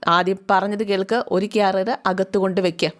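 A woman's voice: mid-range voice, level tone, a little fast, close to an everyday voice. A woman voicing a domineering middle-aged mother-in-law who scolds sharply. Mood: scolding.

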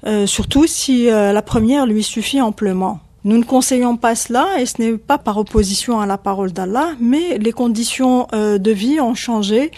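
Mellow-voiced woman radio interviewer. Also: a little high, normal speed, few pauses. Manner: probing, challenging questions.

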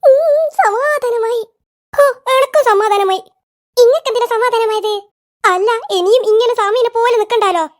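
A voice actor voicing squeaky schoolkids in an animated comedy, trading quick teasing banter. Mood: bickering. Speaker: cartoon voice actor.

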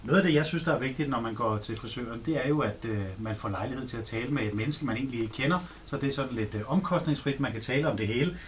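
A man hosting a live radio feature, asking lively, leading questions in a radio studio. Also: medium pitch, few pauses, slight background noise. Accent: Danish. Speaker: radio host. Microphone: handheld radio microphone.

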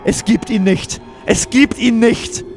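A man's voice: very high voice, slow, darkish tone, faint music behind, heavily acted. A man voicing a despairing man lost in a maze, reading out his diary with broken, repeating, pleading phrases.

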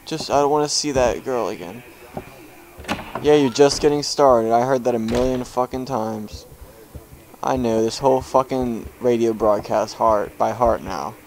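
A man's voice: mid-range voice, measured pace, a little mellow, slight background noise, poor audio. A young man commenting on a horror game as he plays, jumpy and swearing, with panicked outbursts. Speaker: gamer. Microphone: headphones with desk mic.

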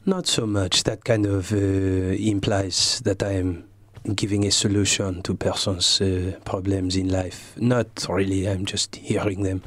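A man playing an aloof, pompous French gentleman, speaking with a French accent in a deadpan, languid way. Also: low voice, measured pace, few pauses, dry recording, studio quality. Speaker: comedian guest. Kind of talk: in-character comic interview.

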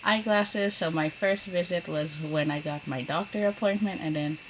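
Here's a fairly low-pitched female vlogger in her thirties, talking at a normal pace against noisy surroundings. She keeps it loose and chatty, leaning on "like" constantly as she rambles.

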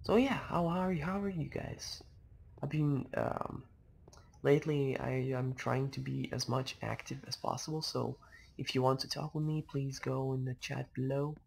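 Hushed, creaky young man gaming quietly. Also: medium pitch. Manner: speaking quietly at night, hushed so as not to wake others; halting, rambling. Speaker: gaming video host. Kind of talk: casual game commentary. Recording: noisy home microphone recording.

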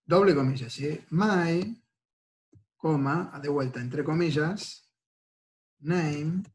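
A man's voice: fairly high pitch, slow, slight background noise. A man with an Argentine Spanish accent, giving a recorded university lecture and explaining each step patiently, checking in with students after nearly every phrase.

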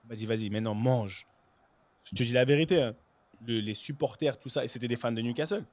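A man, a former pro footballer, guest on a casual chat show, telling lively anecdotes full of "you know" fillers and stray English words. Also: medium pitch, rapid-fire, dry recording.

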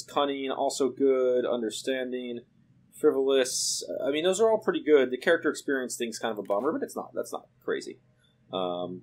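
A man giving casual let's play commentary, thinking aloud with lots of fillers as he weighs his options. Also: mid-range voice. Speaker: game commentator.

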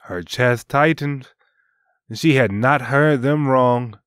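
A man hosting and narrating a dark story in a solemn, deliberate, dramatic scripted style. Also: medium pitch, clear, resonant tone, dry recording, clean studio sound. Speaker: host and storyteller.

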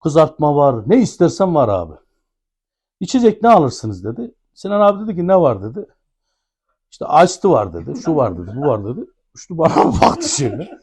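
A man's voice: on the high side, sing-song, a little fast, darkish tone, breathy edge. A man with an Ankara accent telling a funny anecdote, animatedly acting out the dialogue. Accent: Ankara Turkish. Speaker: storyteller guest.

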